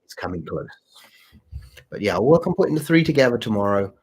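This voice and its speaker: A husky, low-voiced man chats casually with viewers on a livestream, where he's the channel host and a story writer. A mild sore throat makes his voice deeper than usual, and he speaks haltingly, repeating phrases, with big swings in pitch.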